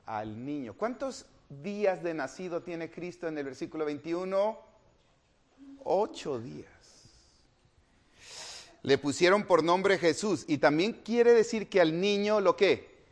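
A man preaching an interactive Bible study, quizzing the congregation and swinging from emphatic lines to hushed ones. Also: fairly high pitch, lively intonation, unhurried, long pauses. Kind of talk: interactive sermon.

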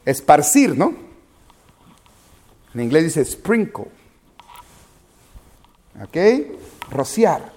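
Slow, patient male Bible teacher. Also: on the high side, big pitch swings, dark tone. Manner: patient questioning, calls on pupils by name. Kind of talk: interactive Bible lesson with children.

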